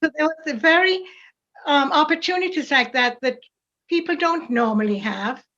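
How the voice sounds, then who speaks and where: An older woman with a Jamaican accent, calmly and reflectively recalling her upbringing as an interview guest. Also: sits high, moderate pace, highs cut off. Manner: calm, reflective storytelling. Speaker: parishioner guest. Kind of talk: casual interview.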